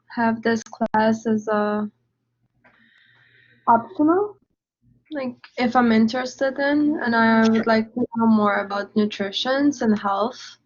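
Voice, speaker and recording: A young woman student introducing herself in an online class, earnest and a bit hesitant. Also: on the high side. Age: young adult. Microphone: video call mic. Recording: muffled lo-fi video call audio.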